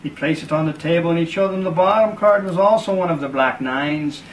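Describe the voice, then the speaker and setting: Doing a card trick, a magician with a slightly higher male voice tells a slow, deliberate story. He sits a little away from the microphone, and a faint hiss of background noise lingers behind him.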